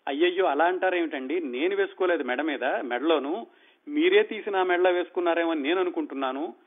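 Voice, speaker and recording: A gentle, conciliatory young wife, as a male storyteller puts her on, pleading and soothing in his own voice. The voice sits a little high. It comes through a narrow, phone-like band. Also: fairly quick, close to an everyday voice. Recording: tinny phone-like sound.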